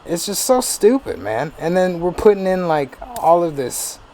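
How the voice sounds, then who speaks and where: A man's voice: high voice, very animated, moderate pace, mellow. A man ranting profanely in casual let's-play commentary as a gaming streamer. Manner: profane, ranting, laughing asides.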